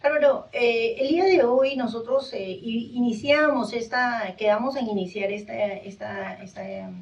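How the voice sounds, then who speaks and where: A woman hosting a live radio interview from a studio, speaking hesitantly with many drawn-out fillers. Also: on the high side, creaky. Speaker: radio host. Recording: dull, distant radio recording.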